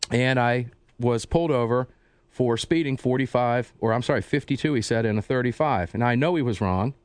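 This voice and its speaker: A man hosting a radio talk show, interviewing a guest in a conversational, animated way with frequent restarts. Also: medium pitch, a little fast, dry recording. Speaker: host.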